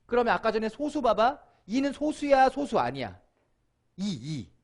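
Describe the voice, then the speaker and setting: A man's voice: extremely high pitch, moderate pace. A middle-aged man teaching middle school math in an online lecture, constantly asking questions and having the listener repeat terms. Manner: lively, questioning, calls on student.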